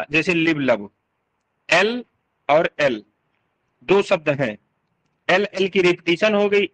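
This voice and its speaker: A man's voice: high-pitched, low-quality recording. A man teaching English literature for exam prep, explaining step by step, sounding out words aloud and often checking that students follow.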